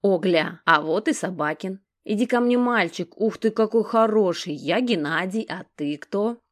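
A woman's voice: medium pitch, expressive, moderate pace, lightly acted. A woman voicing a chatty, good-natured young man who rambles and mumbles, in an audiobook. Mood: cheerful. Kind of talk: audiobook character voice.

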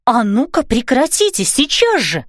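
Woman voicing a fairy mum, flustered, scolding, high lively voice. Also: moderate pace, no echo, studio quality. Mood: commanding. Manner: scolding, exasperated. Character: flustered fairy mother, kitchen magic gone wrong.

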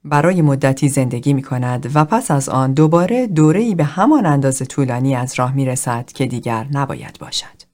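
A woman reading the part of a cool, erudite man who recites philosophy in a measured, lecturing way. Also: extremely low pitch, expressive, darkish tone, voice pushed down. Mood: detached.

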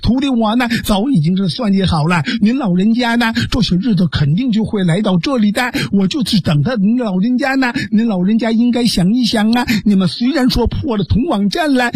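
A male storyteller voicing a cunning, fawning swordsman who speaks with a southern Chinese accent, pitched up into a pleading whine. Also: a little mellow, slightly rough, no echo, full character voice. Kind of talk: traditional storytelling role voice.

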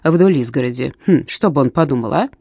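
A woman's voice: very deep voice, lively intonation, fairly quick, warm tone, no room sound, clean studio sound, heavily acted. A woman doing a stern, moralizing schoolteacher. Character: principled middle-aged male schoolteacher, stern and proud.

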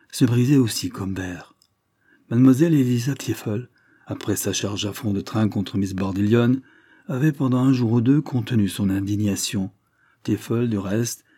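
A male audiobook narrator reading in a measured, steady way. His voice is low, husky and dark.

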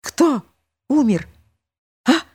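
Hoarse old holy fool, jittery and alarmed, a woman reads him. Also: high voice, normal speed, a little mellow, voice pushed up, natural voice. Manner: alarmed, fretful.

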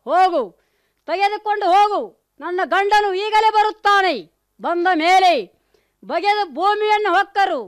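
A woman voicing a defiant, pregnant demoness wife in a mythological radio play, speaking in a taunting, scornful way. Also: very high voice.

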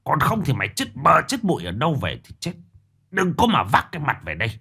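A man playing a furious shouting village patriarch. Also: fairly high pitch, huge pitch swings, fast talker, creaky, husky, pitched above the performer's own voice, heavily acted. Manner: shouting, scolding harshly.

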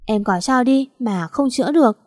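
A woman's voice: fairly high pitch, lively intonation, normal speed, darkish tone, no echo, clean studio sound, pitched above the performer's own voice. A woman voicing a naive, weepy young female servant who pleads in a whiny, tearful way. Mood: eager.

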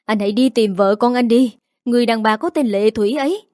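A woman's voice: a little high, a little fast, mellow, no room sound, studio quality, lightly acted. A woman reading a storybook voices a young wife who answers in a distraught, defiant way.

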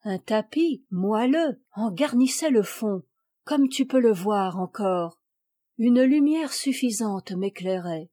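Woman voicing a gentle devoted young boy. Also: on the high side, animated, slow, dry recording, clean studio sound. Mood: earnest.

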